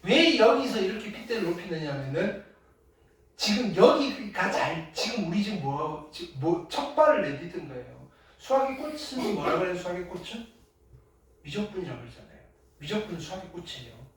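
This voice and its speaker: A high school math teacher giving an emphatic classroom lecture, often checking in with the class with short questions. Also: normal speed. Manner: emphatic, keeps asking "됐나요?" and "알겠어요?"; lively, loud bursts then drops low. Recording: very echoey classroom from far off.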